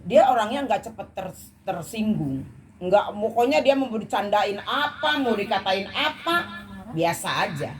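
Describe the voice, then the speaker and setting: A woman's voice: mid-range voice, lively intonation, measured pace, a little hiss or hum. A woman leading a women's study group, giving an informal talk to a live audience. She jokes with them and keeps asking them questions. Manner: playful, quizzes the listeners and jokes.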